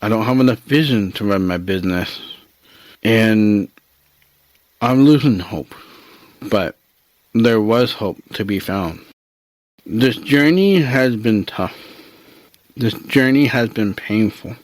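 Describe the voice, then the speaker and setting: A man's voice: lowish voice, expressive, slow, long pauses, no echo. A man hosting a podcast, sharing faith-based personal reflections in an earnest, openly emotional, preacher-like way. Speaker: podcast host.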